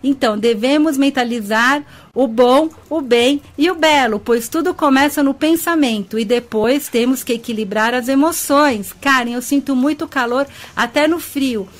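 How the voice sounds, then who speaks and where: Chatty high-voiced Brazilian woman radio host. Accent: Brazilian Portuguese. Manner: chatty and affectionate, greets listeners by name; laughs often, talks quickly in bursts. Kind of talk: web radio talk show on ufology and spirituality. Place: radio studio.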